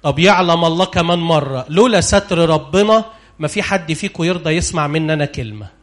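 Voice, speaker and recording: An Egyptian preacher with an Egyptian Arabic accent speaks a little fast in a high, spirited voice. He animatedly fires questions at the congregation, demanding spoken replies, and alternates urgent pleas with hushed, low-pitched remarks.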